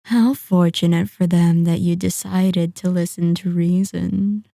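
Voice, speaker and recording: In a very close, dry ASMR roleplay with no room sound, a woman plays a sadistic, possessive female vampire lord toying with a captive hunter. Her soft, mellow, lowish voice is steady with vocal fry. She draws words out slowly with silky menace, mock politeness and teasing threat.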